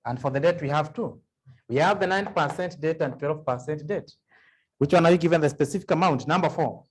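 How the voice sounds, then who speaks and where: A man's voice: a little high, a little fast, slightly rough. A man giving an accounting revision lecture, working through sums aloud and putting questions to the class. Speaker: accounting tutor.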